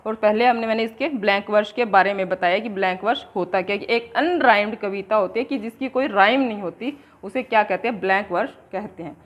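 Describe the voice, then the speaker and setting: A woman teacher, giving an exam-prep lecture and slowly dictating definitions, then explaining them in Hindi. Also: medium pitch, dull audio.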